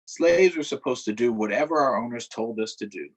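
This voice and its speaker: Reading a picture book to children at a virtual storytime, a councilmember speaks in a slightly husky voice with lively, rising and falling pitch. His delivery is expressive, and he pauses now and then to put questions to the kids.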